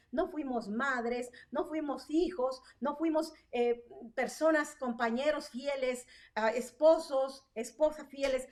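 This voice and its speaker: A woman's voice: high voice, recorded from a distance. A woman preaching an online sermon with fervent energy, asking rhetorical questions and tagging her points with "¿verdad?". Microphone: online stream.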